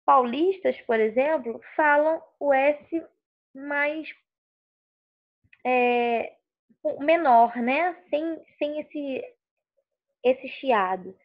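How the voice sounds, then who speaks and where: Slow, patient woman teacher, carioca accent. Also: sits high, muffled recording. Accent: Rio de Janeiro Portuguese. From Rio de Janeiro state, Brazil. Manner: patient, repeats words slowly to stress sounds. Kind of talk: recorded online class.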